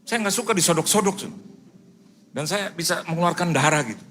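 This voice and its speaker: A middle-aged Indonesian man preaching a sermon, animated, acting out dialogue in lively quoted voices. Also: a little high, a little fast, a little hiss or hum. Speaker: pastor. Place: church service.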